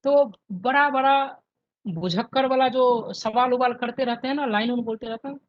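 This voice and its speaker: A man's voice: very high-pitched, normal speed, lo-fi sound. A man in his fifties teaching an online class, who keeps checking with his students and repeating his points.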